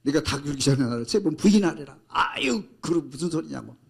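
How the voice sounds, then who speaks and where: A male pastor preaching a sermon with emphatic delivery, shouting out scripture commands and acting out grumbling people. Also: on the high side, expressive, fairly quick, creaky, slightly rough.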